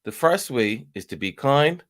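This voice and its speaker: A man co-hosting a casual daily talk show, relaxed and offhand. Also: mid-range voice, measured pace.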